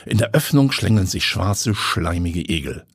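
A man reading a story aloud with vivid, expressive storytelling. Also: low voice, measured pace, breathy edge, no echo, studio quality. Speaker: narrator.

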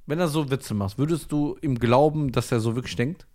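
A man co-hosting a casual podcast, teasing his partner in a relaxed way. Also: mid-range voice, fairly quick. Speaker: podcast co-host. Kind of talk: casual banter.

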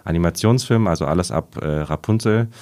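A man in his thirties with a smoker's rasp, chatting hesitantly on a casual podcast. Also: deep voice, fast, darkish tone. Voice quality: smoker's rasp, gravelly hoarse voice. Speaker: film podcast panelist.

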